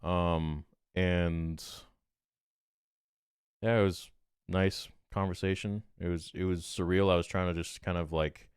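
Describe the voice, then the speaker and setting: A man, a podcast guest, casually retelling a story in an animated, rambling way, peppered with "I'm like.". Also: deep voice, takes it slowly, clear, resonant tone, no room sound, clean studio sound.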